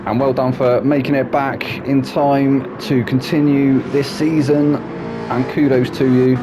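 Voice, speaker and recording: Over music and loud game engine noise, a race commentator with a snuffly hay fever voice talks through a sim racing league without hurrying and with little pitch movement. He's chatty, leans on tag questions, and goes low for asides.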